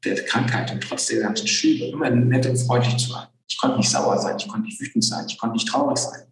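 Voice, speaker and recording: A man's voice: mid-range voice, a little fast, soft background music. A young man telling his personal story in an interview, earnest and reflective, with many fillers. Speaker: guest. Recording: roomy echo.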